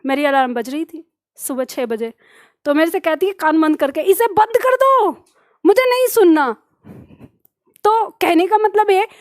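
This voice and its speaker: A woman's voice: extremely high pitch, no room sound, studio quality. A woman teacher giving an earnest motivational talk to her students, now and then acting out a scolding inner voice.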